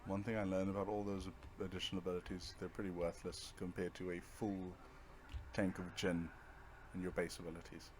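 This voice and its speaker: This let's play host speaks briskly in a low-pitched, flat voice. He's giving offhand, casual commentary on his own video game playthrough, partly talking to himself.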